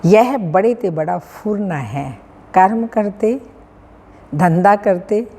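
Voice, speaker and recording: A woman with a North Indian Hindi accent reading a daily spiritual discourse as a teacher, in a measured, sing-song recitation with pauses and frequent throat-clearing. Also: mid-range voice, expressive, mellow. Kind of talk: slow devotional reading of scripture. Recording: long hall reverb, faint room hum.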